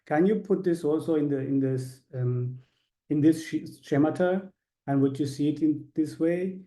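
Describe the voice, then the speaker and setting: Guy from sri lanka talking on a zoom call, lots of ums, roomy mellow sound. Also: on the high side, normal speed. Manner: rambling, many fillers. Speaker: course participant. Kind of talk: casual video call sharing. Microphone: video call.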